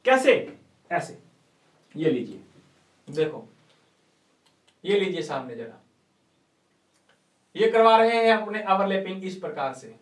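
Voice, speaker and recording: A male chemistry teacher giving an online class lecture, playful and coaxing, quizzing students with rhetorical questions and folksy sayings. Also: sits high. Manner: calls students "beta ji", uses folksy sayings. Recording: echoey room, distant mic.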